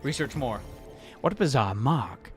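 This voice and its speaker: A man giving casual gameplay commentary, thinking aloud excitably and reading game text. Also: mid-range voice, measured pace. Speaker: game streamer. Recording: music behind.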